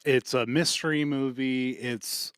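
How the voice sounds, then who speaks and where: A man co-hosting a podcast in casual chat, rambling and swearing often, with quick laughs between points. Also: mid-range voice, steady tone, a bit bright, clean tone, no echo, studio quality. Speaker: podcast co-host.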